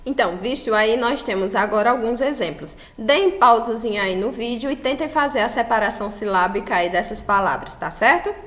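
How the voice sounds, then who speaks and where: A Brazilian woman teacher giving a recorded class, explaining slowly and patiently and often checking that students follow. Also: a little high, a bit bright. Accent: Brazilian Portuguese. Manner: slow, patient explaining with frequent checks for understanding. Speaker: school teacher.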